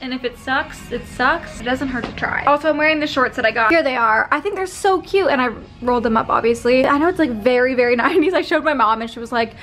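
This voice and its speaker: Bubbly high-voiced young woman vlogging. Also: fast, hardly any pauses, fairly bright tone, soft background music, poor audio. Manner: bubbly, chatty, many "like" fillers. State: out of breath. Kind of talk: casual vlog chat. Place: her bedroom at home.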